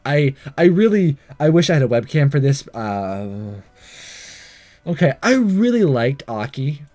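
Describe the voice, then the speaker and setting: This is a male let's play host with a medium-pitched, mellow voice that rises and falls a lot, speaking without rushing. He reads a visual novel aloud, fumbling lines, repeating them and chiming in with remarks while game music runs in the background.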